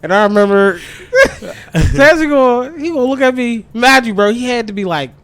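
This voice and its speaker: A man in his thirties co-hosting a casual podcast, a lively storyteller who laughs and acts out voices. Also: very high-pitched, moderate pace, clear, resonant tone, dry recording. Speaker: podcast co-host.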